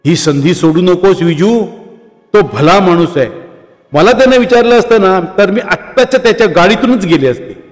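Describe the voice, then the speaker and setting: A bold, teasing woman friend calls out loudly and playfully, as a man puts her on. The voice sits high, and a long reverb rings around it over soft music. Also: normal speed, natural voice. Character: cheerful teasing middle-aged woman friend.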